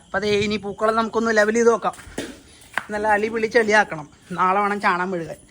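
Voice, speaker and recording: A woman's voice: medium pitch, steady tone, quick pace, a bit bright, a little hiss or hum. A woman, chatting casually in a family vlog while directing helpers outdoors. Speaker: vlogger. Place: outdoor home yard.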